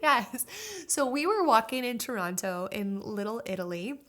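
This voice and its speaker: Giggly woman with a slightly high voice. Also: animated, normal speed, a bit bright. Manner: giggly, chatty, frequent laughing storyteller. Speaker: podcast co-host. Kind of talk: casual podcast banter.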